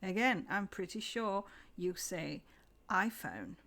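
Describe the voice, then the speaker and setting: A woman giving a scripted English lesson, slowing down to pronounce example words carefully. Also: medium pitch, sing-song, creaky, a bit bright. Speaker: English teacher.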